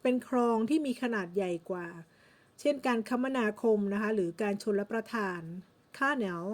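Lively intonation and a slightly mellow, mid-range voice mark this Thai-accented woman from Thailand as she teaches English vocabulary at a moderate pace. It's a slow lesson in which she patiently explains words and repeats each English term multiple times.

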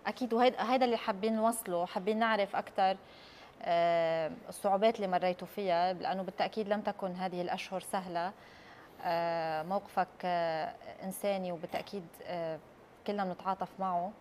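A Levantine woman in her thirties hosts a news interview. She talks quickly in a slightly low voice, phrasing questions carefully with hesitations, over faint background noise. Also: fairly even intonation, a little mellow. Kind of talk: studio interview. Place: large TV news studio. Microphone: lapel.

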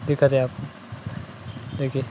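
Here the young vlogger speaks at medium pitch, slow and mellow, with an entirely flat delivery. He shows viewers his route from home to the sari shop where he works, and the shop itself, pointing things out simply on a handheld phone camera indoors and out. Slight background noise and poor audio mark the recording.

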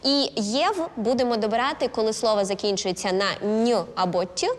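A woman serving as a language expert on a quiz show, clearly explaining grammar rules with examples. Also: a little high, fairly quick. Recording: long hall reverb, faint music.

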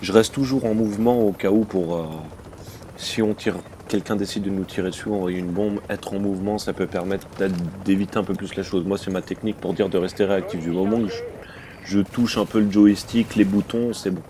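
This French gaming channel host talks briskly in a low voice, offering laid-back, conversational commentary as he plays. Hesitations come often, yet the flow stays loose and warm. His gaming mic picks up a faint hiss.

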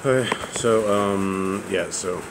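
Low-voiced man, casual, noisy background. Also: takes it slowly. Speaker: proofreader checking and correcting text. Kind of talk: casual working chat.

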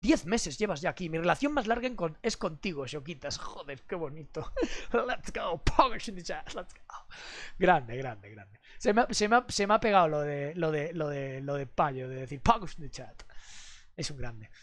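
A young man from streaming casually, crude and animated, swearing constantly as he talks to his chat. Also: on the high side, normal speed.

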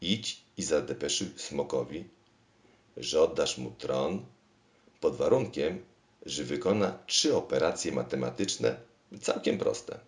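A man's voice: a bass voice, animated, slow pace, exaggerated voice. A man voicing a forgetful, scatterbrained female thinking machine with a fussy, pedantic manner. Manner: pedantic, muddled, absent-minded. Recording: roomy echo.

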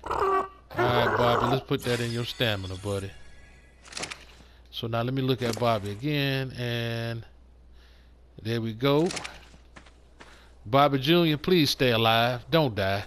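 An older man hosts his gaming video in a relaxed, slangy way, chatting to his viewers as family while he plays. The voice sits at an ordinary middle pitch. A clear bed of noise runs under the recording. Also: a little slow, pauses often. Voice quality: slangy and laid-back, calls viewers fam. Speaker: gaming channel host. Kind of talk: casual gameplay commentary.

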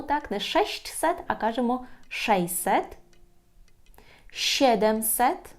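Woman language teacher, patient and explanatory, mid-pitched voice over soft music. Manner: explains patiently, checks with "так?" and "правда?", repeats words slowly. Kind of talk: language lesson.

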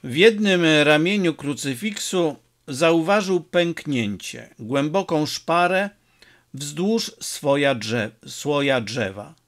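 A man reading an audiobook aloud in an expressive, measured way. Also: fairly high pitch. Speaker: audiobook reader. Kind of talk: audiobook narration.

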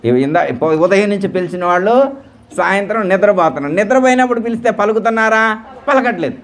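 A man leading a devotional discourse at a temple gathering, slowly repeating words and quizzing his listeners with questions to check they follow. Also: high voice, lively intonation, fairly bright tone. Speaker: spiritual teacher.

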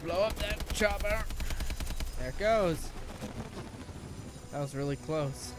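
Brief: young male let's-play host, slow and chatty, game noise underneath. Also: high-pitched, animated. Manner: chatty, reactive, keeps saying "oh man" and laughing. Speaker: gaming commentator. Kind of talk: casual let's-play commentary.

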